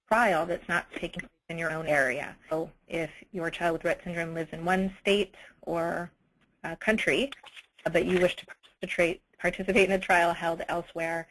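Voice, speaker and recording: A woman's voice: on the low side, fairly bright tone, slight background noise, poor audio. A woman moderating a webinar, reading out audience questions in a friendly, conversational way.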